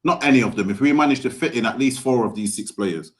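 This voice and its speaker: A male co-host speaks with a London roadman accent and heavy street slang. His voice sits at a medium pitch as he gives casual, opinionated football banter. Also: fast talker. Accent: London, roadman-style street slang. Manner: slangy, opinionated, repeats tag phrases like a street chat. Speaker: podcast co-host.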